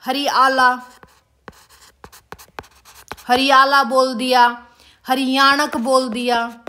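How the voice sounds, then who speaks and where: A woman's voice: high voice, slow pace, sharp tone, slight background noise. A woman teaching an exam-prep lesson, repeating key words and quizzing her students with questions. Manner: calls students "beta".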